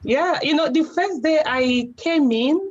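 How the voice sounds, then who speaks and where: A young adult woman with a Nigerian accent, a guest telling her story in a chatty, relaxed way, often saying "you know". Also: high-pitched, unhurried, a little hiss or hum. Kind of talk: casual interview. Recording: slightly dull lo-fi sound.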